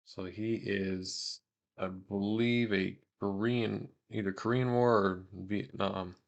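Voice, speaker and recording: A young man with a low, gravelly voice hosts a relaxed hobby vlog. He talks loosely and fills his pauses with ums and uhs, and he reads letters aloud in the same easygoing way. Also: lo-fi sound. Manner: relaxed, many fillers and pauses. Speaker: autograph collector vlogger.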